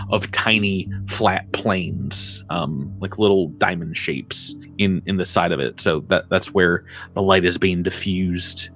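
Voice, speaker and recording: A man's voice: low voice, a bit bright. A man improvising tabletop game narration as game master, hesitant and thinking aloud.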